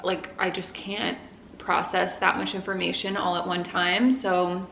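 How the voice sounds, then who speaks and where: Young woman vlogger, candid and rambling, some vocal fry, phone mic with faint background noise. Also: fairly low pitch, little pitch movement, measured pace, fairly bright tone. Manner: candid, rambling, self-reflective. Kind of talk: personal video diary. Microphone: phone camera.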